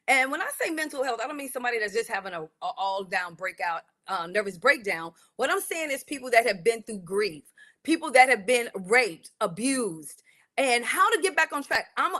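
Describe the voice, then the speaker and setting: A woman's voice: fairly high pitch, pushed and bright. A woman from San Antonio, a real estate broker telling her story in an earnest interview with frequent repeats. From San Antonio, Texas. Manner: earnest, talks in repeated restarts.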